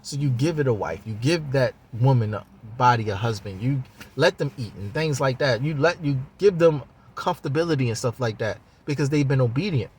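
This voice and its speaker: A man's voice: mid-range voice, animated, brisk, darkish tone, a little hiss or hum. A man talking in a loose, rambling monologue about spiritual ideas, casual and profane, with lots of fillers.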